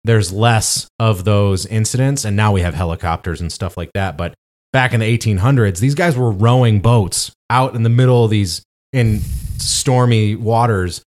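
Man, podcast co-host, lower voice, loose rambling chat. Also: moderate pace, a little mellow. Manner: rambling storytelling with many fillers. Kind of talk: casual chat.

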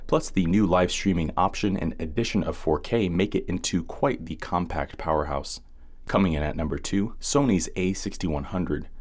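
A man with a low-pitched voice delivers scripted countdown narration in the manner of a top ten product review. He reads out items and features in a measured, orderly way. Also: darkish tone.

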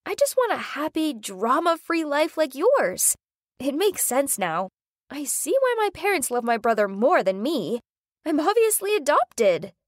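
Woman doing a teenage girl, blunt, complaining, bright high pitch, dry close sound. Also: big pitch swings, a little slow, no room sound. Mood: fed up. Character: restless teenage girl, twin sister, bored rich kid.

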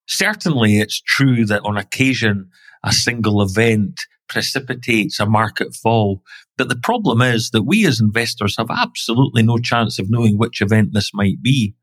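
A man hosting a podcast, reading scripted financial commentary in a measured, wry way and stressing key words. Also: on the low side, a bit bright, no room sound. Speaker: podcast host.

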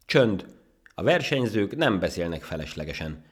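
A man's voice: lowish voice, big pitch swings, vocal fry, voice pushed up, heavily acted. A man voicing a polite but strict male rabbit acting as referee in a storybook tale. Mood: stern. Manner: polite, stern. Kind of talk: storybook character voice.

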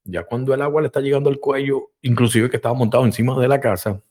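Male host for a live call-in show, lively storyteller who acts out voices and sounds, mid pitch. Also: quick pace. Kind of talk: live call-in talk with a told joke. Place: live online broadcast.

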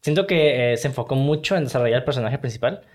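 Relaxed man with a Mexican accent. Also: medium pitch, fast talker. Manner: relaxed, slangy, brief remarks. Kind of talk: casual film discussion.

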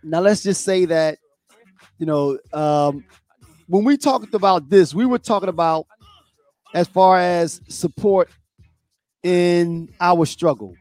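A man co-hosting a casual talk show, speaking in halting bursts and often repeating and restarting his words. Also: sits high, darkish tone, no room sound. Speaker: co-host.

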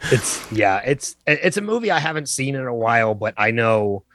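A man's voice: mid-range voice, big pitch swings, normal speed, a bit bright, a little hiss or hum. A man, a guest on a podcast, chatting casually and agreeably about films. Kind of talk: casual film chat.

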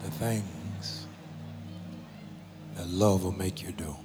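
Slow, emphatic preacher in a reverberant hall. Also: male voice, low voice, fairly even intonation. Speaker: pastor. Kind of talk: sermon. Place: large church sanctuary. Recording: long hall reverb with faint music.

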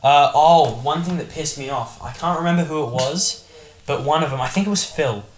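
A man's voice: on the high side, fairly quick. A man, co-hosting a casual film review podcast, blunt and opinionated, with some swearing. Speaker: podcast co-host. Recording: echoey room.

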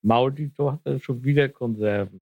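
A man with a gravelly voice telling jokes among friends, laughing after his punchlines. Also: medium pitch, moderate pace, dry recording, phone-quality sound. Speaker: joke teller.

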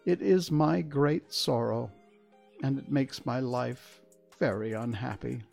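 A reader voicing a big, cowardly male lion in a storybook reading, speaking gently and mournfully with hesitant pauses. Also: medium pitch, vocal fry, faint music behind. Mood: sorrowful.

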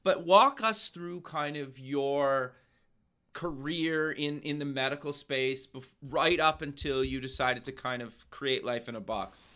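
Presenting and interviewing on his podcast and radio show, a man reads a scripted intro, then shifts to a casual interview. He speaks at medium pitch and a measured pace, his tone pushed and bright.

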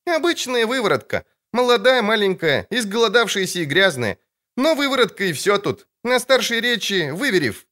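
A man's voice: high-pitched, sing-song, moderate pace, pushed and bright, pitched above the performer's own voice, heavily acted. Man doing a cocky, mocking teenage girl. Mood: scornful. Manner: pert, scornful retorts. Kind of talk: audiobook character voice.

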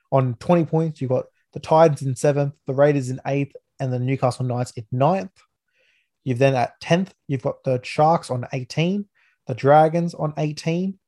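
A man's voice: mid-range voice, dark tone. An Australian man hosting a casual sports review podcast, talking like a laid-back, matey everyday bloke. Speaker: podcast host.

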